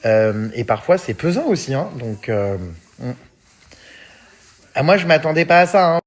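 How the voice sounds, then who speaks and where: A man's voice: fairly high pitch, very animated, normal speed. A man in his thirties vlogging casually to his followers, chatty and full of fillers, reading out and answering fan messages. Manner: chatty, many fillers like hein and euh; often laughs while talking. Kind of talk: casual story chat to followers.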